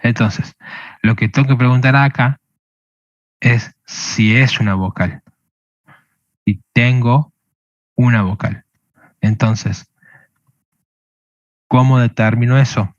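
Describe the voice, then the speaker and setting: A man's voice: mid-range voice, takes it slowly, long pauses, dry recording, dull audio. A man teaching a programming lesson, explaining step by step and checking with a questioning "¿sí?" again and again. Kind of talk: screen-recorded coding lesson.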